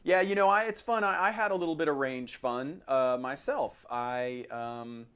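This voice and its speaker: Medium-pitched and fairly bright, with a clear, resonant tone, a middle-aged American man talks at normal speed. He hosts a podcast, chatting casually about firearms in a wry, jokey way.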